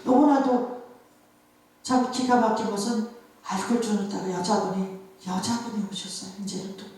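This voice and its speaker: Female pastor, emotional storyteller, dark warm tone, roomy distant hall sound. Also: mid-range voice, fairly even intonation, brisk. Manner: emotional storytelling, acting out voices of others. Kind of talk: sermon. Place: church revival hall. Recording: echoey hall, voice from far off.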